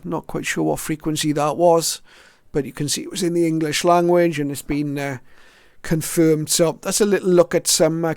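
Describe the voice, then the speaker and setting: Presenting his shortwave radio collection, a middle-aged or older man talks casually and reflectively, hesitating as he moves from item to item. His fairly high voice is creaky, a little mellow and clean in tone. The recording is studio quality with no echo.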